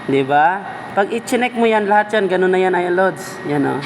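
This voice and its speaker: The recording is low quality with slight hiss or hum, and the man's voice sits high and sounds expressive at normal speed. Speaking with a Filipino accent, he runs a casual video editing tutorial, talking to the viewer like a pal.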